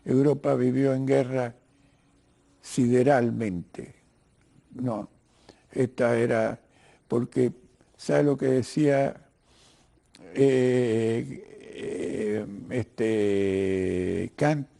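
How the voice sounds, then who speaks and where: Here the Cuban writer and lawyer, an older man with a Cuban-Argentine accent in Spanish, talks politics as an interview guest on a broadcast. Pitch sits in the middle, the tone is steady and mellow with vocal fry, and he lectures haltingly, repeating words while finding the next one.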